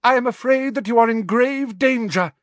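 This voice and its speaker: A man's voice: very high-pitched, moderate pace, no room sound, pitched above the performer's own voice. Man doing a shaky, theatrical mystic woman. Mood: theatrical, shaking. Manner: resentful, shaky ethereal mystic voice. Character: woman, eccentric, theatrical, indignant fortune-teller teacher.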